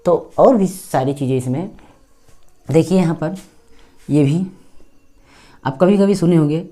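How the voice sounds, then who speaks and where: Guy teaching english sounds, mellow voice, chatty and repetitive. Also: fairly high pitch, measured pace. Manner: chatty, repeats words as drills. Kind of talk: casual classroom lesson.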